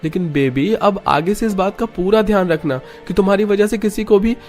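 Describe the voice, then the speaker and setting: Man doing a strict young husband: high, pressing, lecturing tone. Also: moderate pace, darkish tone, soft background music. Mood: coaxing. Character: young husband, stern but loving.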